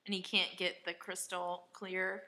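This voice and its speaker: A woman's voice: fairly low pitch, little pitch movement, measured pace, pushed and bright. A woman co-hosting a casual commentary chat about a TV episode, chatty and asking questions. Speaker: podcast co-host.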